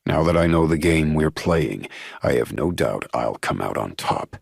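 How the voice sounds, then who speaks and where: A man narrating a romance audiobook in the first person, brooding and measured. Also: very deep voice, lively intonation, gravelly, husky, dry recording, clean studio sound.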